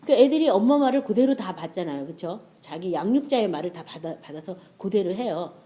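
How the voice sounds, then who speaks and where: A woman's voice: mid-range voice, lively intonation, fairly quick, warm tone. A middle-aged woman preaching a sermon in a conversational way, often checking with her listeners.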